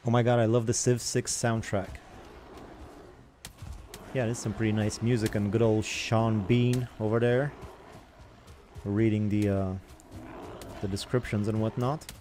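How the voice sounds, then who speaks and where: A young man talks his way through a gameplay session in a loose, rambling, chatty manner, drifting between asides. His voice sits low and sounds soft and mellow. Faint game ambience hums behind him. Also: little pitch movement, measured pace, long pauses, a little hiss or hum. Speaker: gaming channel host. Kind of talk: casual gameplay commentary.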